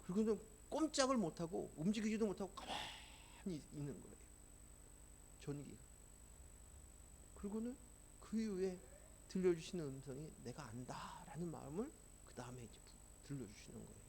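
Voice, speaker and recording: A man's voice: a little high, expressive, normal speed, vocal fry, pauses often, darkish tone, a little hiss or hum. A man preaching a sermon, telling a personal testimony in an earnest storytelling way that rises in emphasis. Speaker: pastor.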